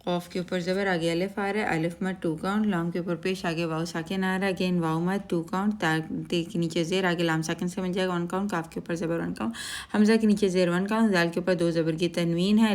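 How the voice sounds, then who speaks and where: A woman's voice: fairly low pitch, fairly even intonation. Methodical woman teaching recitation rules. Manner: methodical, spelling out each letter and count; asks and answers her own questions. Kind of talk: step-by-step recitation lesson.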